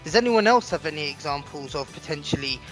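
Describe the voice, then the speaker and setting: Man, host, bright tone, slightly high pitch, conversational questions, faint music. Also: expressive, fast talker. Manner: friendly, summarizing, asks questions. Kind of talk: casual interview moderation.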